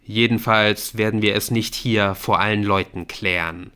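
A man voicing a calm adult schoolteacher who speaks in a measured, firm way. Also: fairly low pitch, smooth. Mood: calm authority. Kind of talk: audiobook character voice.

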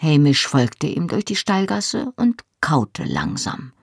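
Brief: expressive storybook narrator, gravelly texture, dry close sound. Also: mid-range voice, takes it slowly, no room sound. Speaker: audiobook reader. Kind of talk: scripted narration.

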